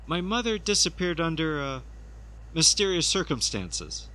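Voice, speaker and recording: A man's voice: fairly high pitch, sing-song, measured pace, bright, forceful tone, heavily acted, poor audio. A man voicing a creepy, awkward hotel-keeping killer in a comedy animation, hesitant and unsettlingly intense.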